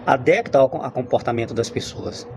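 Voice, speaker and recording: A man's voice: medium pitch, fairly quick, gravelly, noisy background. A man giving an unscripted spiritual teaching, talking in an emphatic, repetitive way with frequent restarts. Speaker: religious teacher. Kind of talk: spontaneous spiritual teaching monologue.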